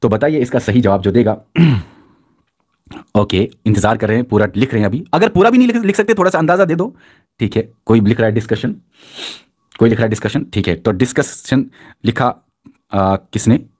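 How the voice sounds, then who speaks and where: Husky guy hosting a live quiz class, keeps hyping the students. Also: on the low side, moderate pace, pauses often. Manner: energetic, encouraging, repeats praise. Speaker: online quiz teacher.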